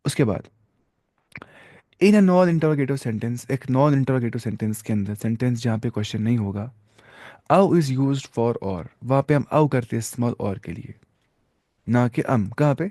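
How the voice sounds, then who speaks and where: Mellow-voiced man teaching Arabic grammar. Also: mid-range voice, no echo, clean studio sound. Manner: explains in Urdu mixed with English, reads Arabic examples slowly; conversational, with fillers and self-corrections. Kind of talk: explanatory grammar lesson.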